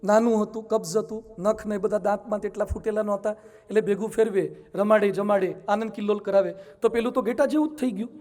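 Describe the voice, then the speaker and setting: Emphatic high-voiced monk preaching. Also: male voice, fast talker. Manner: emphatic, animated storytelling. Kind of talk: sermon.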